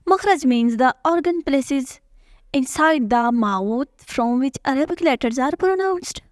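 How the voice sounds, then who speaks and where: A woman teaching a recitation lesson, speaking slowly and deliberately and repeating each sound for her students to practice. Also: high-pitched, lively intonation, no room sound. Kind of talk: slow tajweed lesson.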